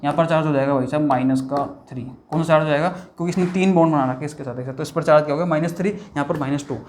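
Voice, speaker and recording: Racing along at a fairly high pitch, a man with a slightly mellow voice delivers a whiteboard chemistry lecture against faint background noise. His style is conversational; he raises questions only to answer them himself and keeps dropping "bhaiya" and "theek hai."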